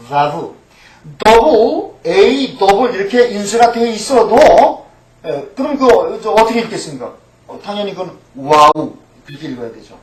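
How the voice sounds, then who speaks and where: A middle-aged man with a fairly high voice teaches a language class, saying each letter name slowly and more than once. He poses questions and answers them himself. His voice comes from some distance away in a roomy, echoing space. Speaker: pastor teaching Biblical Hebrew. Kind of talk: recorded language lecture. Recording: echoey room, mic at a distance.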